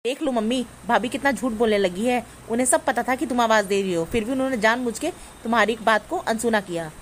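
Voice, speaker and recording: A woman's voice: a little high, fast talker, a little hiss or hum, natural voice. A woman playing a spoiled, demanding grown daughter who whines and accuses in a family comedy skit. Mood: accusing. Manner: whiny, bossy, accusing.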